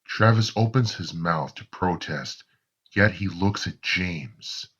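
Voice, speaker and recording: Very deep-voiced slow horror narrator. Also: male voice, animated, fairly bright tone, slightly rough, highs cut off. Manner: slow, deliberate storytelling. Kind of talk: scripted horror story narration.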